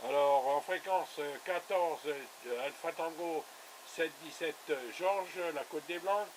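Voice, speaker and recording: This amateur radio operator has a voice on the high side and speaks slowly in a relaxed, colloquial manner while making casual radio contact. He is in a radio station where a camera is recording. Sound quality is poor, with slight background noise.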